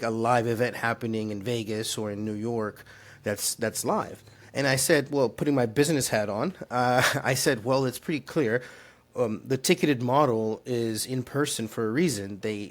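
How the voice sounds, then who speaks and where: A middle-aged man from Turkey, a startup founder, telling his story in an interview with an earnest, rambling manner full of fillers and restarts. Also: mid-range voice.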